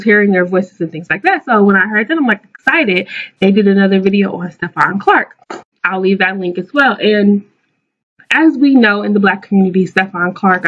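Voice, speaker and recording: A woman video blogger giving her opinions casually, in an informal, digressive way, often correcting herself. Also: medium pitch. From Jamaica. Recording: dull lo-fi microphone sound.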